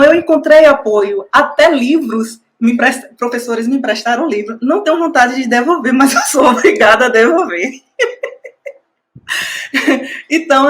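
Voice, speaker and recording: Woman, higher voice, gushing heartfelt thanks, emotional. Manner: effusive, emotional, repeats the listener's name. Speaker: master's student and school coordinator. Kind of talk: heartfelt tribute speech.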